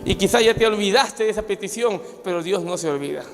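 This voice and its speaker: A man preaching a fervent sermon as pastor, his voice rising to shouts at times. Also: high voice, animated, fast talker. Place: church. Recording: hall reverb with soft music behind.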